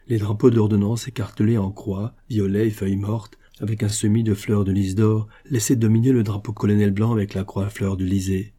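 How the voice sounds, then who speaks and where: A man narrating a classic novel as an audiobook in a calm, measured way. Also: fairly low pitch.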